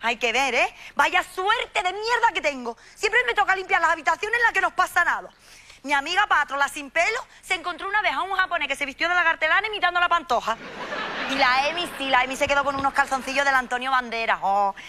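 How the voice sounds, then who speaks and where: A woman playing an excitable, nosy hotel maid in a TV comedy sketch, gossiping, shrieking and pleading melodramatically. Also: sits high, fast. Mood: gossipy.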